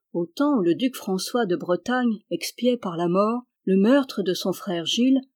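A reader narrating a classic historical novel in a steady, measured way. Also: mid-range voice. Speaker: audiobook reader.

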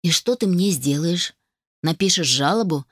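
A woman reading an audiobook voices a hot-tempered young man, speaking low and restrained. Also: lively intonation, moderate pace, slightly rough, dry recording, clean studio sound. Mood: cold.

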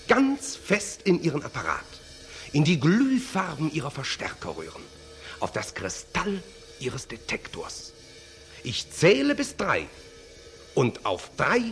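An actor playing a theatrical, vengeful stage magician in a radio play, speaking in a declamatory, hypnotic way. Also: male voice, mid-range voice. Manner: hypnotic, declamatory, sweeping intonation. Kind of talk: 1920s radio play acting.

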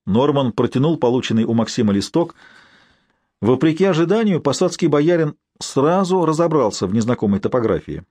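A man's voice: medium pitch, a little fast, no echo. Man narrating a story, dry close sound. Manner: even storytelling with quoted dialogue. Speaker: audiobook narrator. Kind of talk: scripted narration.

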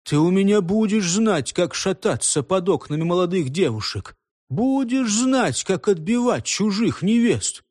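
A man's voice: high-pitched, sing-song, unhurried, darkish tone, no room sound, clean studio sound, full character voice. A man voicing a bold young villager who mocks his father and rallies his friends. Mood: mocking. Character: bold young male villager, mocking and defiant.

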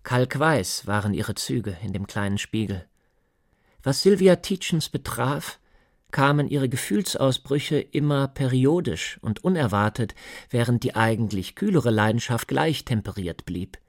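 A man narrates a literary radio play in a measured tone. His voice sits at a medium pitch and sounds close and dry, with no room around it. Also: animated, dry recording.

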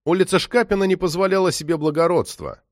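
A man narrating a crime novel in a steady, even storytelling manner. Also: high-pitched, quick pace, dry recording, studio quality. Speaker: audiobook narrator. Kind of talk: scripted narration.

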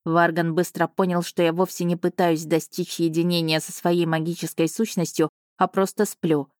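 A woman reading a first-person audiobook in a lively, ironic storytelling manner, close to the mic. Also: lowish voice, normal speed, no room sound. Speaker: audiobook narrator.

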